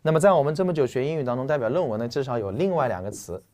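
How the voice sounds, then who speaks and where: A man teaching English vocabulary in a lecture, explaining in a lively, joking, slangy way. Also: mid-range voice, racing.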